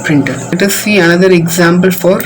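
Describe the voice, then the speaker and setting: A woman's voice: fairly low pitch, fairly even intonation, brisk, slight background noise, low-quality recording. A woman teaching a computer science class. She walks patiently through code line by line, starting most sentences with "so". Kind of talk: classroom coding demo lesson.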